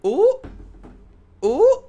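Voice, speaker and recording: Streamer talking through a voice changer. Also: male voice, very high voice, wildly swooping pitch, drawn-out words, mellow, dull audio, faint music behind. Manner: chatty, campy, playful. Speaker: game streamer. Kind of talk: casual live-stream commentary.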